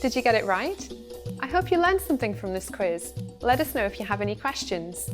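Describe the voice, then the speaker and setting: A woman's voice: on the high side, sing-song, moderate pace, music in the background. Upbeat woman presenting a quiz. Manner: upbeat, direct address to viewers. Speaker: host. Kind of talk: video lesson presenting.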